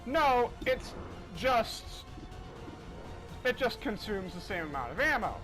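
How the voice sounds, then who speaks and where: A very high-pitched male gamer commentates casually in a rambling, self-deprecating way. His intonation moves around a lot, and faint game music sits behind him. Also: sing-song, slow. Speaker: gaming commentator.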